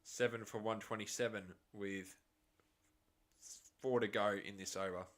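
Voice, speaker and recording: A man with an Australian accent giving a live cricket reaction commentary, shifting between excited calls and chatty asides. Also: on the low side, measured pace.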